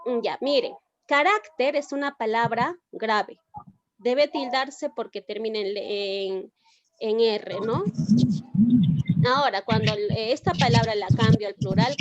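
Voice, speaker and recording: A woman's voice: fairly high pitch, dull audio, background noise. A woman teacher giving an online class, explaining step by step and often checking with the students. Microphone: video call.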